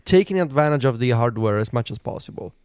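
A man's voice: medium pitch, animated, a little mellow, clear, resonant tone, no room sound, studio quality. A man co-hosting a podcast, chatting casually with lots of "like" and "uh". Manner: chatty, lots of "like" and "uh", quick to laugh. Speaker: podcast co-host. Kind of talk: casual chat.

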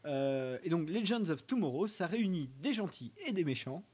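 A man with a slightly high voice chats casually about upcoming TV shows. He rambles, hesitates and trips over his words, filling the gaps with drawn-out sounds as he searches for names. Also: expressive, darkish tone, slightly rough. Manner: rambling, hesitant, many fillers and restarts. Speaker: podcast co-host presenting a segment. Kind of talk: casual chat about TV series.

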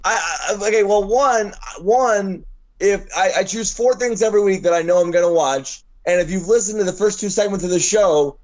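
A man with a gravelly, worn-out smoker's rasp, pitched a bit high despite it. He talks sports casually and makes fun of himself. The recording is dull and lo-fi. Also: moderate pace, a little mellow. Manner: self-deprecating. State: hoarse, worn out from lack of sleep. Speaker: sports writer and podcast panelist.

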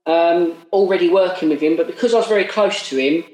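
A man's voice: a little high, fast talker, darkish tone. A man in his late thirties with an Essex accent, chatting casually as a podcast guest in a matey, working-class way. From Essex, England. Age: late 30s. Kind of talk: casual chat. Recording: roomy, echoey sound.

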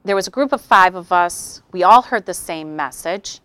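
Low, clear-voiced woman workshop speaker. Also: normal speed, no echo. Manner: animated storytelling with acted quotes. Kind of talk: workshop talk to an audience.

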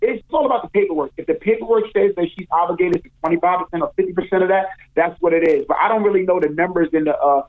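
A man's voice: sits high, racing, hardly any pauses. A man calling in as a guest, chatting loosely and often repeating "you know what I'm saying". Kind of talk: casual interview chat. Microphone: telephone. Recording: tinny phone line.

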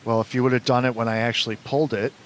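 A man presents products as the host of a collectibles unboxing show, talking in a casual way. His mid-pitched voice sits over faint background noise with some rumble. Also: flat delivery, racing. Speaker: host of a trading card box-opening show. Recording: noisy, with low rumble.

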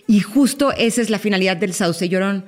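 Expressive woman, podcast guest. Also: fairly quick. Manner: expressive, acts out quoted voices with sudden high exclamations. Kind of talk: casual podcast conversation.

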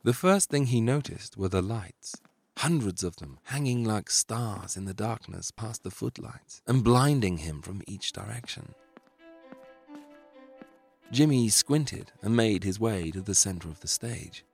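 A man narrating a true story in a measured, dramatic storytelling style. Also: fairly low pitch, lively intonation, gravelly, slightly rough, soft background music.

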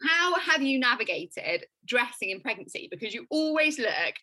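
A woman hosting a casual chat, bubbly and playful, quick to laugh. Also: fairly high pitch, very animated, sharp tone, poor audio. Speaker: podcast host.

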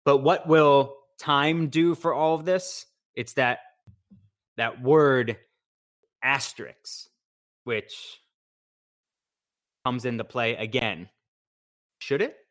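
A man co-hosting a sports podcast, chatting casually and teasing his partner in lively banter. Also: medium pitch, takes it slowly, long pauses. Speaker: podcast co-host.

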